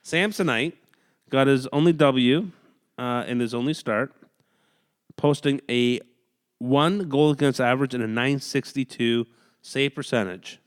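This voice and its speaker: A man's voice: medium pitch, clean tone. Laughing male fantasy hockey podcaster. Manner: reads stats in a quick list, breaks into laughs. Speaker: podcast co-host. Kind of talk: casual sports chat reading stats. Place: home room.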